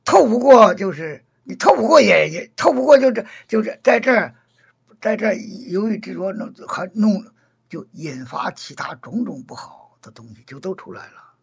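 A high-pitched man with a gravelly, very husky voice talks through a casual Buddhist discussion. He explains earnestly and keeps restating his points in new words. The recording sounds dull and lo-fi. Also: big pitch swings, normal speed. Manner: earnest, repeats and rephrases points.

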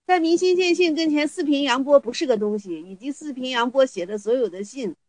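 A woman with a high, bright voice leads a Buddhist study group through a Zen koan. She reads the classical lines slowly and deliberately, then explains them in lively, playful speech full of rhetorical questions. The sound is very dry and close, with almost no room echo.

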